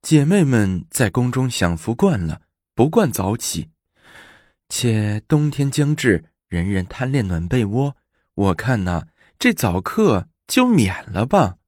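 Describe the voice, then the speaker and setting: A man's voice: medium pitch, very animated, slow pace, darkish tone, no echo, studio quality. A man voicing a bold, clever young woman of the palace, confident and teasing, in a storybook reading.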